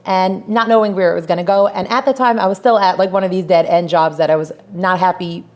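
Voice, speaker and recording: An American woman in her thirties, a business founder telling her story in a casual interview, chatty and animated. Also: on the low side, fast. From United States.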